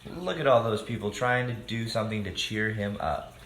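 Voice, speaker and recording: A man with a fairly low, expressive voice reads a children's storybook aloud at normal speed, addressing his young listeners directly. The room is echoey, with background noise.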